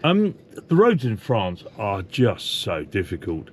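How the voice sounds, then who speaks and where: A man's voice: lowish voice, huge pitch swings, slow, a little hiss or hum. Chatty man on a road trip. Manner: chatty, rambling with many fillers and restarts. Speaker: vlogger. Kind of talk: casual travel vlog chat and voice-over. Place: motorhome on the road.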